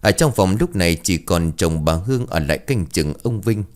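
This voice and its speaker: A man narrating a ghost story in a steady, even reading voice. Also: deep voice, moderate pace.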